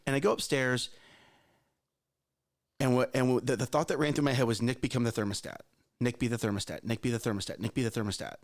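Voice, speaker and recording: A man in his thirties co-hosting a morning show shares a personal parenting story, speaking earnestly and repetitively straight to listeners. His medium-pitched voice is fast, broken up by long pauses.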